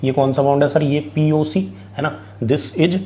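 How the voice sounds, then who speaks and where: A man's voice: fairly high pitch, completely flat delivery, normal speed, dark tone. A man from India teaching biology in an online exam-prep lecture, chatty, asking and answering his own questions and mixing English terms into his talk.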